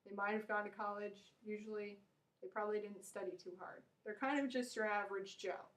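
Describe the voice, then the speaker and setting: A mid-pitched American woman speaks in a casual, opinionated vlog rant. Her talk is blunt and meandering, with restarts and asides. The recording is quiet and low in level. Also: steady tone, brisk, poor audio. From United States. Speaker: vlogger. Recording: low-volume home recording.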